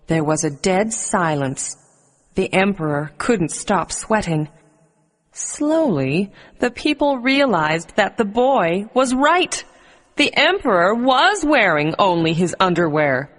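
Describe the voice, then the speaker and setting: A woman reading a scripted bedtime story for children in a clear, expressive storybook delivery. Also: fairly low pitch, takes it slowly.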